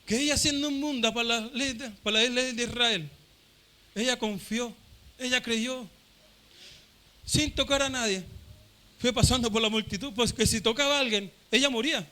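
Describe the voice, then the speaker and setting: Guy preaching hard at a pentecostal service, high bright voice, keeps repeating himself. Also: moderate pace, long pauses. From Chile. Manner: fervent, repeats phrases, acts out shouting crowd voices. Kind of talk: Pentecostal sermon.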